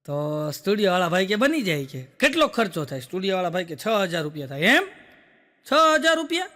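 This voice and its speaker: A man doing stand-up comedy, telling jokes rapidly and acting out the dialogue of his characters. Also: high-pitched, lively intonation, a bit bright, big-room sound. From Gujarat, India. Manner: rapid joke telling, acting out quoted dialogue, frequent rhetorical "બોલો". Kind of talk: Gujarati joke telling on stage.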